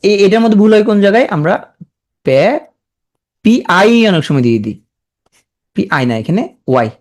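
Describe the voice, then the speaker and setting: A teacher at a middling pitch gives a spelling lesson to a large class. The voice rises and falls with lively, animated intonation. Words get sounded out slowly and repeated, with joking asides in between.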